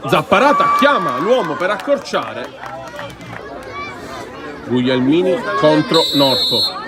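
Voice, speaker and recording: Male sports commentator, breathless goal calls, high voice, very animated swings, noisy crowded venue. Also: takes it slowly. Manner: breathless, bursting into shouts on goals. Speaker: futsal match commentator. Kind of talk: excited play-by-play sports commentary in Italian. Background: crowd noise.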